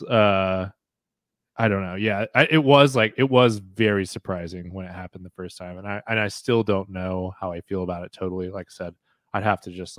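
A man's voice: low-pitched, no room sound, clean studio sound. A man talking as a podcast guest, thoughtful and hesitant with many "like" fillers. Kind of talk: casual chat.

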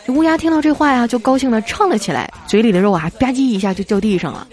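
A woman hosting a radio-style show, reading listener jokes aloud with playful storytelling and drawn-out particles. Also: on the high side, expressive, darkish tone.

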